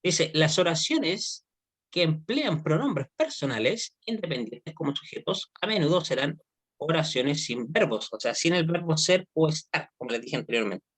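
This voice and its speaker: A man teaching Hebrew grammar in an online class. He speaks at an unhurried pace and keeps pausing to make sure his students are following. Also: fairly high pitch, big pitch swings, fairly bright tone, breathy edge. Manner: explains slowly, often checks with "¿ya?".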